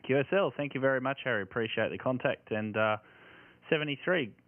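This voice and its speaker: A man's voice: medium pitch, a little fast. A man, an amateur radio operator calling and answering contacts with phonetic callsigns. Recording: narrow, very noisy radio-static sound.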